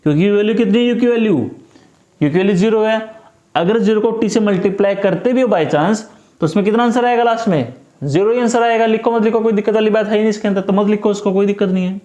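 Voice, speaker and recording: Male tutor, high-pitched, patient step-by-step explainer, echoey room. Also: fast, mellow. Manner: repetitive, coaxing, talks through each step. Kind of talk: step-by-step math lesson.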